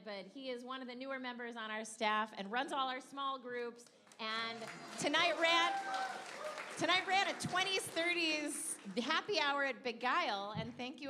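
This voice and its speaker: A woman leading a congregation, welcoming newcomers in an upbeat, chatty way with little laughs. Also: high voice. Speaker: service leader. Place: packed indoor prayer space. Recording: loud crowd in the room.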